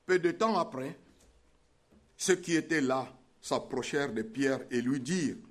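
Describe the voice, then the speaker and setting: A man's voice: mid-range voice, a little slow. A man preaching a sermon, emphatic and repeating his key phrases.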